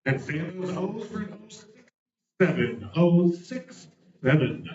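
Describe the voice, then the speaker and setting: A man calls out bingo numbers in a slightly raised voice, tossing out a punning quip before each one and then repeating the digits slowly. The sound is dull and lo-fi, with a roomy echo around it. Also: sits high, animated. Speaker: bingo caller. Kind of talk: calling bingo numbers with joking asides.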